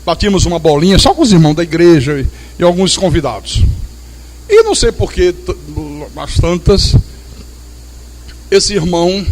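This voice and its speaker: A male pastor preaching a sermon in church, reading scripture slowly and drawn out, then telling anecdotes quickly. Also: on the high side. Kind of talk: sermon with storytelling. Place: church service.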